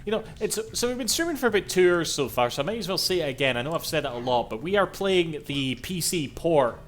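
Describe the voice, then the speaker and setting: A man's voice: a little high, animated, fast talker. A man giving casual, chatty live commentary as a game streamer, swearing freely.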